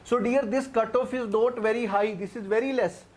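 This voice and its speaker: A young man with an Indian English accent and a very high, darkish voice teaches an online exam-prep class at a moderate pace with fairly even intonation. He explains step by step, repeats phrases often, and calls his students "guys."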